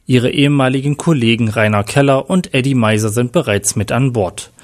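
A man's voice: medium pitch, a little fast, close to an everyday voice. A man voicing a mysterious official who formally and insistently recruits an agent by phone.

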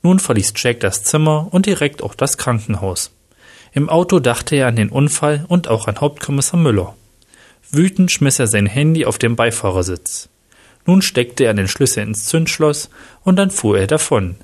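A man's voice: mid-range voice, very animated, normal speed, a little mellow. Man reading a story plainly. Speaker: narrator.

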